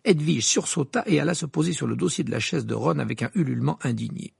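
An audiobook narrator reading a story with an expressive, varied delivery. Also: medium pitch, fast, gravelly, slightly rough, no room sound, studio quality.

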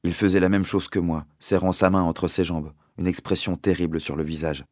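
A man narrating an audiobook in a measured, deliberate storytelling manner. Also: low-pitched, level tone, darkish tone, no echo, studio quality. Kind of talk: audiobook reading.

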